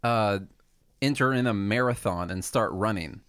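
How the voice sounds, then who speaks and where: A man co-hosting a casual podcast chat, calmly walking through figures and examples step by step. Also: fairly low pitch, clear, resonant tone, no echo, clean studio sound. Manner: measured, explanatory, walks through statistics step by step.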